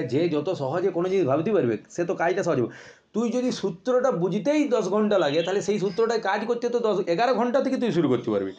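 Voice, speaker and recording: A man's voice: high voice, darkish tone. A male teacher giving an informal lecture to his students, talking in a casual way with frequent restarts and fillers. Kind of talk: classroom lecture explaining a text. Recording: dull lo-fi sound.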